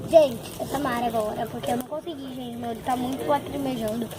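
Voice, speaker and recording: A woman's voice: on the high side, fairly even intonation, fast. A teenage girl, narrating to viewers while filming friends on a phone outdoors. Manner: talks to viewers, narrates what others do. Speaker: vlogger. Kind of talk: casual chat to camera. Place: outdoors at a bonfire. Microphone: phone camera. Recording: clear outdoor noise behind.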